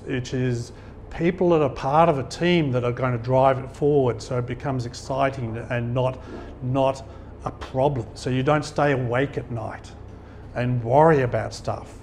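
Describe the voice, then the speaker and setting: A middle-aged Australian man, the guest speaker at a business networking event, gives an informal talk in a function hall, telling anecdotes and chuckling at his own stories. His voice is medium-pitched and darkish, with a little hiss or hum in the recording.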